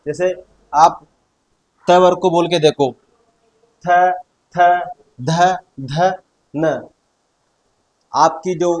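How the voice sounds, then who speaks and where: A man's voice: high voice, a little mellow, poor audio. A male teacher explaining Hindi consonants, saying each sound aloud several times and checking in with students as he goes. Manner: explains patiently, repeats sounds aloud, keeps checking in with "theek hai". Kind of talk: Hindi grammar lesson.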